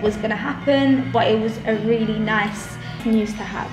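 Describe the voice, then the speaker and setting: Chatty actress, roomy sound. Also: female voice, a little high, fairly even intonation, normal speed. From born in Zambia, raised in Northwest London. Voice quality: chatty, lots of fillers like um and like. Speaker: actress, interviewee. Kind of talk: casual interview chat. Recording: roomy with music underneath.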